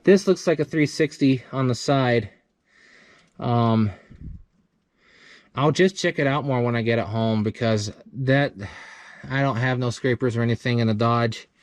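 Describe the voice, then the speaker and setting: A man's voice: mid-range voice, a little slow, long pauses, dry recording. A man hosting a casual vlog, rambling and thinking aloud about an old truck he found, with lots of fillers. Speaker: channel host.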